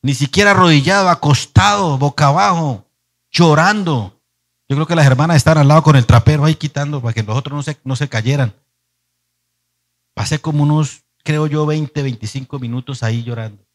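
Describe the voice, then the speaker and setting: A man preaching a sermon as pastor, telling a personal story earnestly and moving between emphatic and hushed delivery. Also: on the high side, a little fast.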